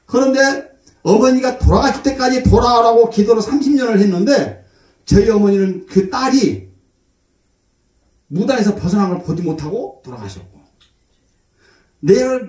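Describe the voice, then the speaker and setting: A man's voice: high-pitched, a little mellow. A middle-aged man preaching as a pastor, telling stories in a folksy way and acting out other people's voices. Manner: folksy storytelling, acts out his mother's voice. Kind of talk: sermon. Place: church. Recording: echoey church hall, voice from far off.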